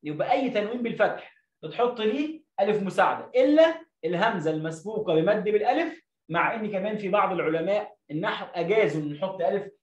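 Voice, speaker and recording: A man's voice: sits high, far from the mic. A man with an Egyptian accent teaching an Arabic reading lesson, stretching words out syllable by syllable. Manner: drawn-out syllable-by-syllable drilling. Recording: roomy, dull lo-fi sound.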